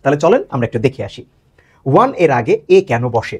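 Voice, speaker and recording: A male English teacher with a Bangladeshi Bengali accent giving a grammar lesson, who asks questions and answers them himself and repeats words slowly to show how they sound. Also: mid-range voice, big pitch swings, darkish tone, breathy edge.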